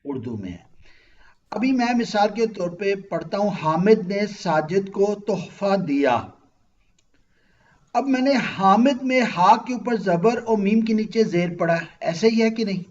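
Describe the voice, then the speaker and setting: Male teacher, patient and questioning, fairly high voice, slightly dull call audio. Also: animated, moderate pace. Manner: patient, asks students questions and checks understanding. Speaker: Arabic grammar teacher. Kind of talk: online interactive class.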